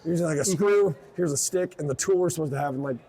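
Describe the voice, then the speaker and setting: A man talks fast and excitedly in a casual convention interview, rambling and correcting himself as he goes. His voice is mellow and dark, and it sits slightly high for a man. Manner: rambling, excited, self-correcting, laughs often. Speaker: event organizer interviewee.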